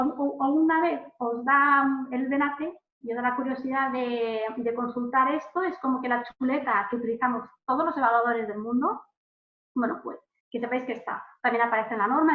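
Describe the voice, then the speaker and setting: A woman from Spain, giving an informal online lesson as a language examiner, chatty, with many fillers and restarts. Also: a little high. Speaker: language proficiency examiner and teacher. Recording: phone-like audio in an echoey room.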